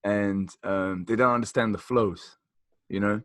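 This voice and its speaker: With a fairly low, fairly bright voice and fairly even intonation, this podcast co-host talks a little slowly about music, and there's no room sound. He's a man in his 40s from South Croydon, London, England, rambling enthusiastically and dropping "you know" often.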